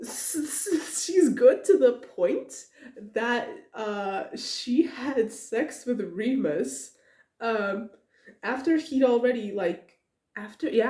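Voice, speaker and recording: Here a young woman with a medium-pitched voice chats about a book for her podcast in a reverberant space. It's a casual, meandering monologue full of giggling, filler "uh"s, false starts and eager side comments.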